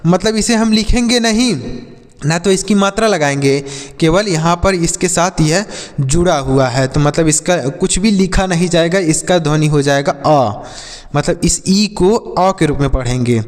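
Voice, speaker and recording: A man teaching English pronunciation in a lesson video, speaking in a fairly high voice. He spells words out one letter at a time and keeps going back over each rule. He puts his students' questions to himself and then answers them, and his voice carries a long reverb. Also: unhurried. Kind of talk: classroom-style lesson for video.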